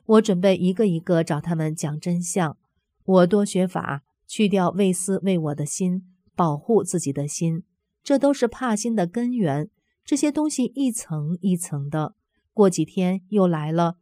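A woman with a mellow, warm voice reads a first-person story aloud, earnest and steady. The sound is dry and close, with no room around it. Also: on the low side, measured pace, dry recording. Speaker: narrator reading a personal testimony.

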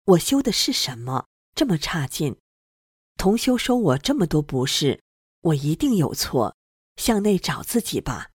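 Earnest reader with a lively, dry voice. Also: medium pitch, measured pace, husky, dry recording. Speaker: reader of a personal testimony. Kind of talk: scripted first-person narration.

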